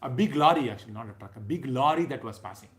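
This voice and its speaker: A man's voice: medium pitch, expressive, fast talker, fairly bright tone. A man in his thirties with a South Indian accent, giving an informal, conversational sermon as a spiritual teacher, emphatic and checking in with his listeners. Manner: conversational, emphatic, often ending phrases with a checking "right?". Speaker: spiritual teacher leading a scripture class. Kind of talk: informal sermon with anecdotes and chanted verses.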